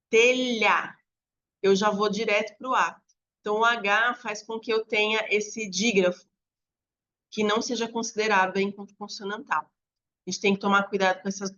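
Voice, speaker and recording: A woman's voice: medium pitch, sharp tone, highs cut off. A woman teacher giving an online lesson, patiently stretching out example words as she explains. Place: home apartment with dogs barking nearby.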